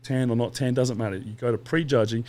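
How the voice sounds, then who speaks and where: A man's voice: medium pitch, steady tone, fast talker, a little mellow. A man, a podcast guest telling long stories in a casual, rambling way with quoted asides and swearing. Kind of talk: casual interview chat.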